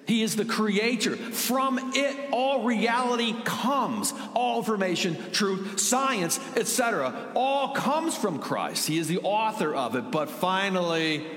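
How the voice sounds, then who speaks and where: Fairly high-voiced preacher in echoey hall. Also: male voice, lively intonation, measured pace, few pauses, fairly bright tone. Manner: conversational, joking asides to the congregation; emphatic, rising on key points. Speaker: pastor. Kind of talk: sermon. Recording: echoey hall with long reverb.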